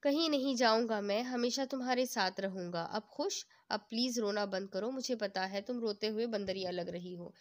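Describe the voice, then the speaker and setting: A woman's voice: mid-range voice, normal speed, few pauses, natural voice. A woman reading the lines of a playful young husband who teases and comforts his wife. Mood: teasing, tender. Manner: teasing, coaxing.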